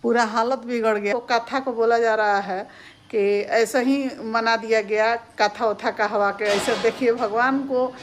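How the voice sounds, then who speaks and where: A woman, talking to her viewers in a casual vlog and giving earnest advice in a steady, homely way. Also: fairly high pitch, unhurried. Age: 50s. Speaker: family vlogger, mother-in-law.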